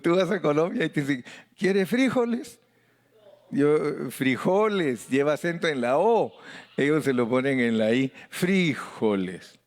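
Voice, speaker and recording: A man's voice: fairly high pitch, moderate pace, darkish tone. A middle-aged man with a Mexican accent, a pastor leading a Bible study in a joking, folksy way that mimics voices and calls out to the congregation. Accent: Mexican Spanish.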